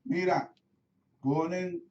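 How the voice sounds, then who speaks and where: Puerto Rican pastor preaching in an echoey church. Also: male voice, sits high, fairly even intonation, extremely slow, a little mellow. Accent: Puerto Rican Spanish. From Puerto Rico. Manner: storytelling, acts out his own prayers, asks the congregation questions. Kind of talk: sermon. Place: church sanctuary. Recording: roomy church sound from a distant mic, slightly dull.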